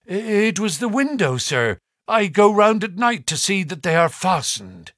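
A man's voice: on the high side, animated, measured pace, a bit bright, no echo, clean studio sound, voice pushed up. A man voicing a frightened, agitated butler who pleads and stammers in a storybook reading. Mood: pleading. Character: frightened, agitated middle-aged male butler.

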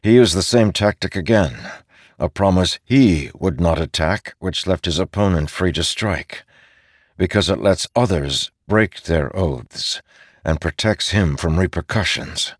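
A man plays a battle-hardened warlord in an audiobook, pressing his point with forceful, urgent questions. The voice sits deep and low, and the recording is dry. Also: measured pace, husky, no echo. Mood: earnest.

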